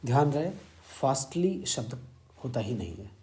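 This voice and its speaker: Indian male grammar teacher, mellow tone, steady explaining lecture. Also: mid-range voice. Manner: explains word meanings slowly, switching between Hindi and English.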